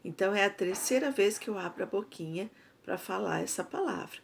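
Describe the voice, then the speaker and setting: A woman's voice: mid-range voice, lively intonation, vocal fry. A Brazilian Portuguese woman teaching a first-grade class, patiently explaining and sounding out syllables. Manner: patient, drawn-out syllables, frequent "tá?". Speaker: primary school teacher. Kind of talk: slow explanatory class lesson.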